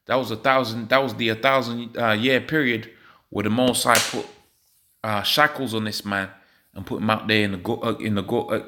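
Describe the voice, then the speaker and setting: A man's voice: lowish voice, sharp tone. A man preaching a sermon in an emphatic, repetitive way, often tagging his points with "man" and "all right?", stumbling and restarting as he goes. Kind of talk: street-camp sermon teaching.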